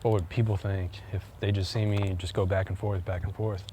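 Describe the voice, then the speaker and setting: A man's voice: sits low, flat delivery, brisk. A man vlogging outdoors on a walk, talking in a rambling, hesitant way full of fillers and restarts. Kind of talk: casual chat while walking. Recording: loud wind noise on the mic.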